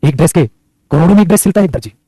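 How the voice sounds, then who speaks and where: A man's voice: on the high side, animated, racing, mellow, husky, no room sound. A man teaching English for government exams, lecturing and scolding his students in a fiery, motivating way, calling them son and my child and using grammar terms as he goes.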